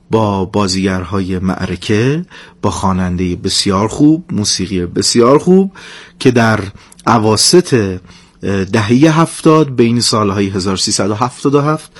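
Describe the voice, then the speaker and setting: A man hosting a radio music show, speaking in a formal, flowery, ceremonious way. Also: medium pitch. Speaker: radio host and music reporter.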